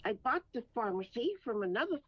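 Lively, direct woman pharmacy owner. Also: fairly high pitch, fast, dull audio, slight background noise. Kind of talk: interview answers.

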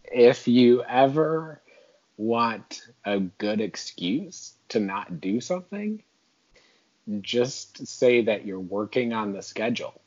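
A man chatting as a podcast guest, with dry, deadpan joking. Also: medium pitch, takes it slowly, highs cut off. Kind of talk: casual chat.

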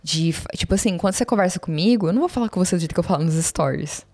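A woman's voice: on the low side, expressive, very fast, mellow. A Brazilian woman chatting casually as a guest, talkative and self-deprecating, with many fillers. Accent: Brazilian Portuguese. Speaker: guest, social media marketer. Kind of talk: casual conversation.

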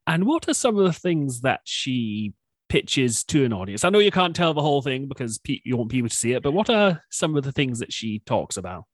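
A man's voice: medium pitch, sing-song, fairly quick, no echo. A man hosting a chatty interview, asking guests questions in a conversational style. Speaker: interviewer and host.

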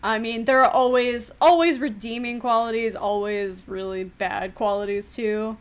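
A woman's voice: a little high, fairly even intonation, moderate pace, highs cut off. A woman co-hosting a casual podcast chat, hesitant with many fillers and breaking into giggles. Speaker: podcast co-host.

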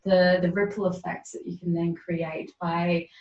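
Woman, podcast guest, casual storytelling, earnest, animated, lower voice, echoey room. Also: a little slow. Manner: earnest, animated, laughs often. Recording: roomy, distant, dull sound.

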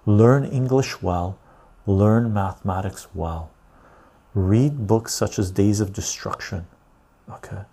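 A man's voice: on the low side, slow, dark tone. A man, hosting a casual livestream, reading chat and rambling with frequent "right?" tags. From Canada, born in Iran. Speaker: livestream host.

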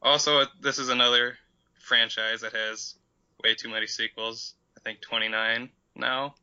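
A man's voice: mid-range voice, flat delivery, moderate pace, sharp tone, clear, resonant tone. A man co-hosting a casual movie podcast, talking loosely with fillers. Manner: loose, filler-heavy talk. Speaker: podcast co-host. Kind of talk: casual chat about movies. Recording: slightly dull lo-fi audio.

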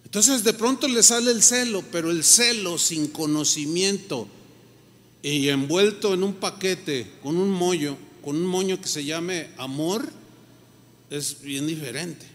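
A man preaching a sermon as pastor, talking in a conversational, animated way and acting out people's reactions. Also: sits high, a little slow. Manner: animated, acts out quoted reactions. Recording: long reverb of a large hall.

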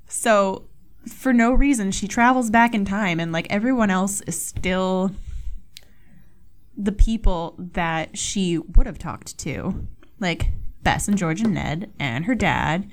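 Young woman, podcast host, casual solo chat, rambling, swears a lot, self-mocking, mid-pitched voice. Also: takes it slowly.

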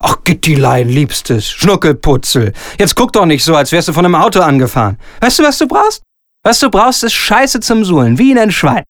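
A man's voice: high-pitched, big pitch swings, fairly quick, no echo, studio quality, voice pushed up. A man doing a ranting, pompous theatre director. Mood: ranting, wheedling. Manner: ranting, lurching between sugary coaxing and shouting. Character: pompous, bullying male theatre director, middle-aged. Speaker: stage director. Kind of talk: solo reading of a comic radio scene.

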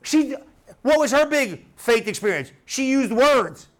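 Middle-aged male pastor, high-pitched voice, lively sermon delivery with call-and-response repetition. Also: unhurried. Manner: animated preaching with repeated phrases and congregation call-and-response.

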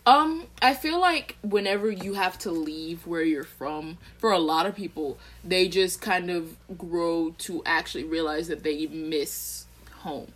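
A young woman from Texas with a Southern American accent, co-hosting a casual podcast chat and getting animated. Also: measured pace, few pauses. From Texas, USA. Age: young adult. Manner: animated, swings up high when riled. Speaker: podcast co-host.

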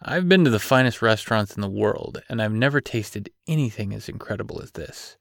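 A male narrator voicing an eager, easily delighted adult man in an audiobook, with an earnest, excitable manner. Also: fairly low pitch, fairly quick, gravelly, no room sound, studio quality. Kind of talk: audiobook character reading.

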